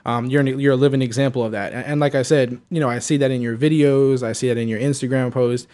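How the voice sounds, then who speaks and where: A man's voice: mid-range voice, steady tone, quick pace, warm tone. A man hosting a casual interview, asking rambling questions full of fillers. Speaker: podcast host.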